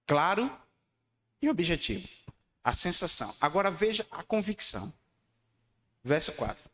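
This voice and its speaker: A man preaching a sermon, asking his congregation to repeat lines back to him. He swings between loud, high declarations and low, quiet lines. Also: big pitch swings, normal speed. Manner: emphatic, calls for congregation responses. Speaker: pastor. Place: church hall. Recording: long church hall reverb.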